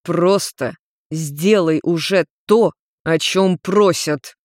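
A woman voicing a blunt, exasperated young man with a low, steady tone. His lines come short and curt. The storybook sound is dry and close. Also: fairly quick, no room sound, lightly acted. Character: irritated young grey-haired man, blunt son.

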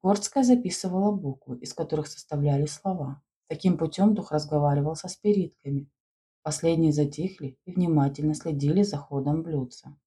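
A woman reading a story aloud in expressive storybook narration. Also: sits low, fairly quick, husky. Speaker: audiobook narrator.

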